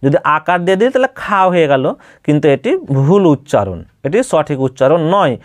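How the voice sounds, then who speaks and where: A patient male teacher with a fairly high voice and a Bengali accent who walks through Arabic letter sounds one by one. He repeats each example and asks the listener questions as he goes. The recording is dry and close, with no room sound. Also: lively intonation, a little fast, no room sound. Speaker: Quran reading teacher. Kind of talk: step-by-step spoken lesson.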